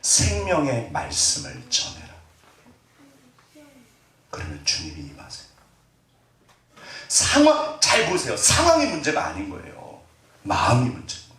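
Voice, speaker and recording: Middle-aged pastor preaching in a roomy church. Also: male voice, mid-range voice, wildly swooping pitch, normal speed, fairly bright tone. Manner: conversational, quizzes the congregation with questions; acts out family members' words in quotes. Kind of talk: sermon. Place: church sanctuary. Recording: roomy sound, distant from mic.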